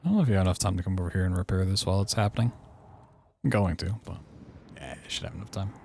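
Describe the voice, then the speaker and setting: Casting: male game streamer, informal commentary, gravelly lower register. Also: racing, darkish tone, a little hiss or hum. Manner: informal, thinking aloud. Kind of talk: casual gameplay commentary.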